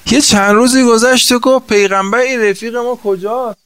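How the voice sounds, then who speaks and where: A man's voice: very high-pitched, fairly even intonation, fairly bright tone, clean tone, no echo. A man preaching a sermon, telling religious stories and acting out the voices of the people in them, asking his listeners questions as he works through sums. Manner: acts out voices in the stories he tells.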